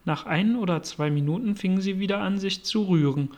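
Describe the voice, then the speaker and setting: A man narrating a storybook as an audiobook reader, in an even, measured way. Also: high-pitched.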